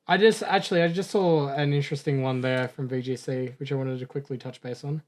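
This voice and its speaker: A man co-hosting a gaming podcast in casual chat, upbeat and joking, briskly reading through lists of game updates. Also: mid-range voice, fairly even intonation. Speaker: podcast co-host reading news.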